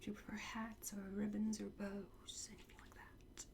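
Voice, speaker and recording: Playing a courteous, calm trainer for an ASMR roleplay, a woman whispers at medium pitch, breathy and near the microphone. She reassures the listener slowly and gently, pausing softly and humming now and then. Clear background noise sits under her close whisper.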